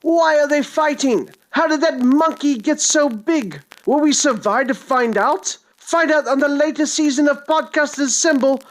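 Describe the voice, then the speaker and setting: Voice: high voice, moderate pace, few pauses, a little hiss or hum, close to an everyday voice. Someone doing a frantic old-time newsreader. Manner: melodramatic announcer cadence, breathless exclamations. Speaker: mock news announcer in a podcast promo. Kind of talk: retro emergency radio bulletin parody.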